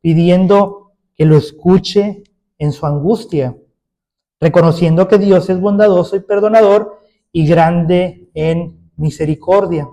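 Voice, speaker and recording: A man's voice: sits high, slow pace, dark tone. A man preaching a sermon as pastor, emphatic, putting rhetorical questions to his congregation.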